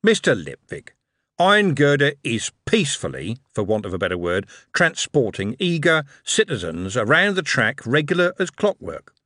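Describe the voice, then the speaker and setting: Brash older male boss, blustery and chummy, a man puts him on, higher and louder than the reader. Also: huge pitch swings, moderate pace, no room sound, studio quality. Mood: persuasive. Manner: coarse, blustering, chummy street slang. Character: brash older male tycoon, jovial and shrewd.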